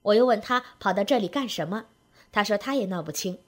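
A woman telling a humorous story aloud, with wry, lively narration and rhythmic phrasing. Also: mid-range voice, a little fast. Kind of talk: spoken comic storytelling.

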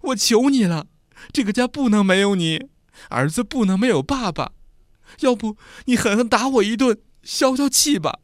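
Man putting on a frightened young wife, pleading, trembling, high and lively voice, dry sound. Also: moderate pace, dry recording, natural voice. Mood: begging.

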